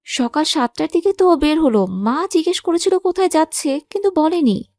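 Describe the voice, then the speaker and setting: Actress voicing a brisk, caring young sister-in-law, high voice, dry close sound, audio drama. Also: female voice, lively intonation, dark tone, no room sound. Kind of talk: Bengali audio drama acting.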